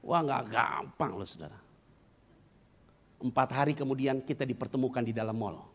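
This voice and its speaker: A man's voice: medium pitch, normal speed, slight background noise. Middle-aged man preaching with dramatic bursts. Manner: dramatic personal storytelling with sudden loud bursts; mixes in English words. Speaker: pastor. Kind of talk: sermon.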